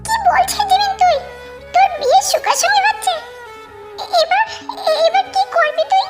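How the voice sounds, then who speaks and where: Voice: very high-pitched, normal speed, music in the background. A performer voicing a young woman friend who teases and pries in a fan audio drama. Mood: teasing. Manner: teasing, prying.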